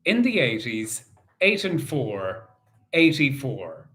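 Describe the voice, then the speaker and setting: Slow, sing-song male bingo caller. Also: mid-range voice, very animated, fairly bright tone. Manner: measured, sing-song repetition of each number. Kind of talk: bingo calling, numbers chanted in set phrases.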